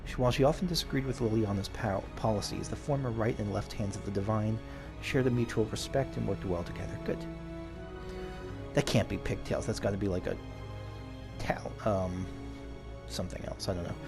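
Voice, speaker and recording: A man with a lowish voice speaks a little fast as he plays a video game and comments on it. He thinks aloud, reads the story text out dramatically, and game music plays behind him.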